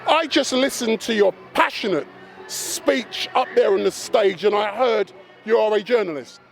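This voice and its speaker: A man's voice: high-pitched, moderate pace, creaky, faint music behind. A man interviewing people outdoors at a festival, asking friendly, probing questions. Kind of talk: street interview.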